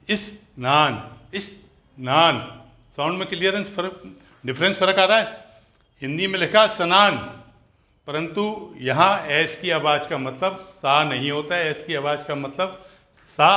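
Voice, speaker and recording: A man with a bright, fairly high voice teaches letter sounds to parents. He explains step by step, asks many questions, and repeats and stretches out words to show how each sound goes. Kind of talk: phonics lesson for parents.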